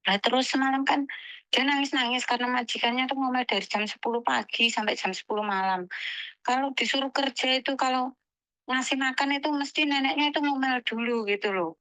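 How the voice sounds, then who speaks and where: A woman calling in with an earnest complaint, her voice bright and edged. She keeps slipping into short quoted bursts as she retells what others said. The sound is dry and close, with no room around it. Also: high-pitched, fairly quick, no echo, low-quality recording. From Indonesia. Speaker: caller. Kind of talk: phone call telling a complaint.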